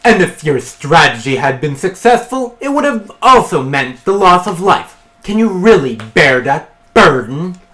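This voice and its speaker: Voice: medium pitch, sing-song, pushed and bright. Cold male strategist, read by a gamer. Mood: stern. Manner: reads game dialogue aloud, slow and measured. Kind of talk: reading game dialogue aloud.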